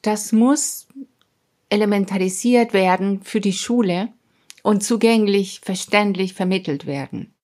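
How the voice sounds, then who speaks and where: A woman astrophysicist talks in an interview at an ordinary, middle pitch. She explains earnestly and steadily, dropping in small "ja?" checks and making the odd non-native grammar slip. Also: a little slow, a little mellow. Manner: earnest, explanatory, with emphatic asides like "ja?". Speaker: astrophysicist and science educator, podcast guest.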